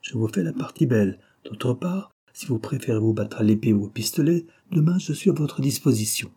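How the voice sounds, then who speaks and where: A man voicing a big, brash young man who talks bluntly and provokes others with mocking calm. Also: mid-range voice, brisk, breathy edge. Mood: cold.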